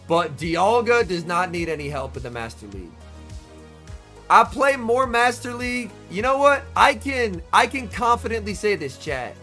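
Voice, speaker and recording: A young man, a bit under the weather, giving chatty, excitable live-stream commentary at a tournament watch party and answering his chat by name. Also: high-pitched, moderate pace, faint music behind.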